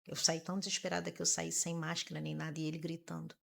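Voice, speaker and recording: Gravelly-voiced woman sharing painful testimony. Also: low voice, level tone. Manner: earnest, halting, repeats phrases. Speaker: podcast guest, massage therapist and mother. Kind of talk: emotional personal testimony.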